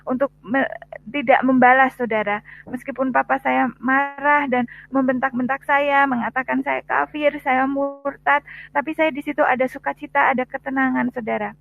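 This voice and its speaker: A young woman giving a personal faith testimony, pausing often with "eh" and repeatedly addressing her listeners. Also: sits high, creaky, fairly bright tone, no echo, poor audio. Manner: addresses listeners as "saudara" often, hesitant with frequent "eh". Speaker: testimony speaker.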